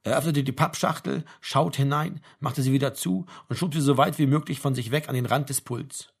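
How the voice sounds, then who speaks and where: Husky-voiced man reading an audiobook. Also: medium pitch, brisk. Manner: steady storytelling. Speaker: audiobook reader. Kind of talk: audiobook narration.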